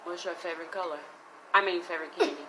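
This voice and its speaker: Woman, 30s, vlog host, low voice, easygoing, noisy home recording. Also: steady tone, quick pace. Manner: easygoing, prompting questions. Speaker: vlogger. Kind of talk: casual mukbang chat with her son.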